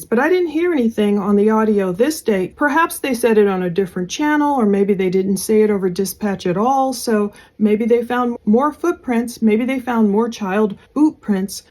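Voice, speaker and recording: A woman's voice: fairly high pitch, darkish tone. A woman hosting a true crime podcast, commenting casually and conversationally as she thinks aloud.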